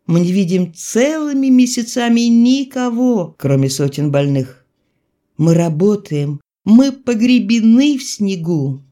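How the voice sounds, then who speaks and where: A female reader gives an excitable young male country doctor. He exclaims in a lively, rising voice. Storybook reading. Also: mid-range voice, unhurried, voice pushed up, lightly acted. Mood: pleading.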